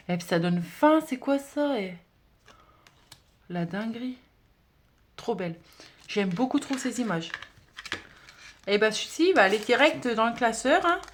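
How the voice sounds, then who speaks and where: A woman vlogger with a mid-range voice chats casually while unboxing a parcel on her budget-challenge channel. She gushes and exclaims, using plenty of fillers, and there's a faint hiss or hum in the background.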